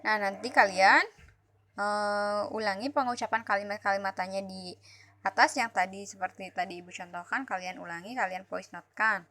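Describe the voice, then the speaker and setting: A woman's voice: medium pitch, steady tone, normal speed, bright, forceful tone. A woman teaching primary school pupils, explaining a textbook lesson patiently and repeating herself as she goes. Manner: patient, repeats and restarts words while explaining.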